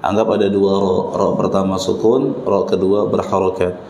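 An Indonesian man teaching Quran recitation in a mosque, patiently breaking down sounds and drilling them slowly. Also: sits low, level tone, creaky, a little mellow. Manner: patient, demonstrates pronunciation slowly and repeats drills. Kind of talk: mosque tajwid lesson. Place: mosque hall. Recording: echoey mosque room with faint hum.

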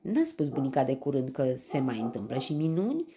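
A woman voicing a bold, clever young male meerkat in a storybook, speaking calmly and confidently. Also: a bass voice, crowd noise. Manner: calm and confident.

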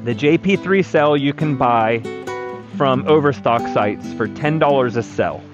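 A man's voice: mid-range voice, unhurried. Man explaining battery builds while riding. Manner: practical, matter-of-fact, speaking while riding. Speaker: vlogger, electric vehicle builder. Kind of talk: casual explanatory ride-along talk. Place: outdoors on a moving four-wheeler by a river. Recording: dull lo-fi action camera audio with music underneath. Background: background music.

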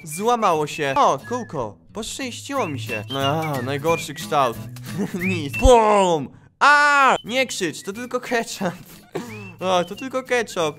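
Gaming host, male, high lively voice, excitable let's-play commentary with faint music behind. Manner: excitable, exclaiming and laughing at the game. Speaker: gaming YouTuber. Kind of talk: live gameplay commentary.

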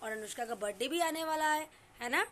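A woman's voice: sits high, fairly quick, a bit bright, slight background noise. A woman filming a family vlog, coaxing a toddler through words and counting in a sing-song prompting voice. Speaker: family vlogger. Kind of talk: teaching a toddler on camera.

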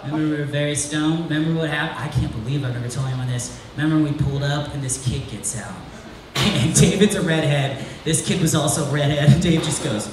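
A man doing live stand-up storytelling, animated and laughing as he tells the story and calls out to his brother in the crowd. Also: a little high, quick pace. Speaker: stand-up comedian. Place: live comedy venue. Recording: echoey room, distant, loud ambient noise.

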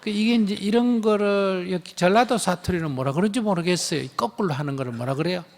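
A Buddhist monk with a Gyeongsang accent answers questions during a live teaching, speaking bluntly and emphatically and acting out bits of dialogue. His voice is high and fairly quick, and the hall adds reverb.

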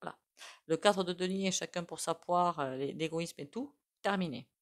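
Speaking with a marked non-standard French accent, a woman reads tarot aloud in a relaxed, chatty way, drifting into fillers and side comments as she turns the cards. Her voice is a little low and her pace is normal.

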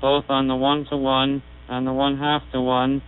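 This is a technical demonstration of an early speech synthesizer by a man whose mid-range, monotone voice has a clear, resonant tone. He speaks in a measured, explanatory way and recites test sentences, all resynthesized through a buzzy, synthetic-sounding vocoder. The recording is tinny 1930s archival audio with mains hum.

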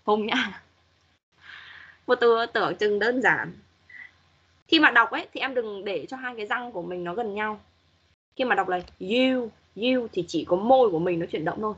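Husky woman teacher on a muffled call. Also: mid-range voice, normal speed, pauses often, fairly bright tone. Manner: patient, corrective, demonstrates pronunciation. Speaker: English teacher. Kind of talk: online class feedback. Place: online class call.

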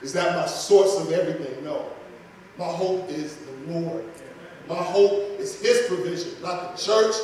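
A man's voice: on the high side, a little slow, darkish tone, slight background noise. A man preaching a sermon, fervent and repetitive, with casual asides to the congregation. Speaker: pastor. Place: church sanctuary. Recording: echoey hall from far off.

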